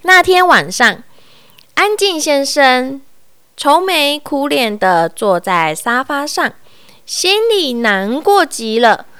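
Expressive woman storyteller. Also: high-pitched, slow pace, no echo. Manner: expressive, sing-song. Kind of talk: children's story reading.

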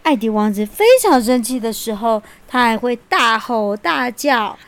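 A woman reading a picture book aloud to a child, gentle and expressive. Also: fairly high pitch, a little slow, heavy background noise. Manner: gentle and expressive, laughs often.

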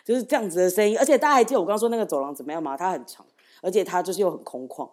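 A woman's voice: lowish voice, racing. A young woman, telling ghost stories as a guest on a casual chat show and building up suspense. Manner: animated storyteller, builds suspense. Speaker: guest, theatre director.

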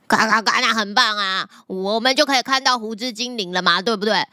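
A woman voicing a stubborn little frog in a children's story, with a croaky frog voice and stammered interjections. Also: medium pitch, fairly quick, bright, forceful tone, no room sound, studio quality, voice pushed down, lightly acted. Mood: boastful. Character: boastful, stubborn little frog, later remorseful. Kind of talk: children's story character acting.

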